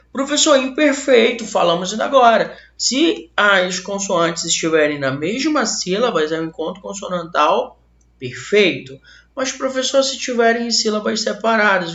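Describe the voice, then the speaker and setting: A man's voice: high voice, gravelly, a bit bright. A male teacher with a Brazilian accent giving an online grammar lesson, who asks questions aloud and answers them himself. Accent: Brazilian Portuguese. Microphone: laptop mic. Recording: roomy, dull lo-fi webcam audio.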